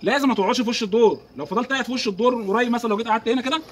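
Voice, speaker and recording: A man with an Egyptian accent giving an animated outdoor fishing lesson, talking straight to the viewer. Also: very high-pitched, rapid-fire. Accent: Egyptian Arabic. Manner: animated, instructive, talks to the viewer. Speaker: fishing vlogger. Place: outdoors by the water.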